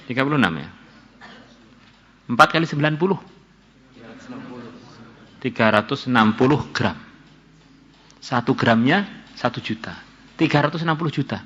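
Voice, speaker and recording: A man's voice: mid-range voice, expressive, normal speed, long pauses, a bit bright, muffled recording. An older man from Indonesia, preaching and explaining Arabic text in a religious class. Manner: reads Arabic phrases then paraphrases them, acts out dialogue in a raised voice. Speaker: kyai teaching a religious class.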